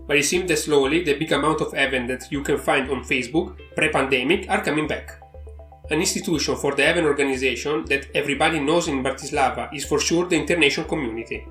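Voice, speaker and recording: A man hosts an interview podcast in a mid-pitched voice. He uses non-native phrasing and drops into soft asides. The room gives his voice a clear echo, with faint music behind. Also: fast. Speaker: podcast host.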